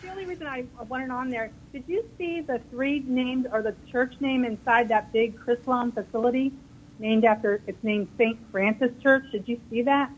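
Female caller on speakerphone, higher voice, eager and chatty, slight hiss. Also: normal speed. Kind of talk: call-in radio chat. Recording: caller on a speakerphone over a phone line.

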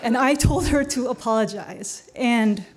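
A woman's voice: fairly high pitch, a little slow, a faint crowd. Chatty woman telling a personal story. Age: adult. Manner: chatty, with fillers and wry laughs. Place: stage at a story show.

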